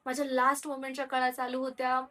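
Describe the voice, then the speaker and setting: Young woman vlogger, candid and rambling, bright tone, distant mic. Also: high-pitched, completely flat delivery, fast talker. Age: young adult. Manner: candid, rambling, with frequent hesitations and restarts. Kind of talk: personal storytelling to viewers.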